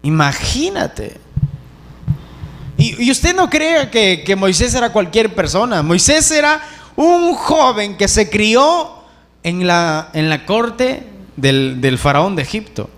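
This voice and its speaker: A man's voice: sits high, very animated, takes it slowly, fairly bright tone. A male preacher giving a sermon in an emphatic, exhorting way, often calling his listeners brothers.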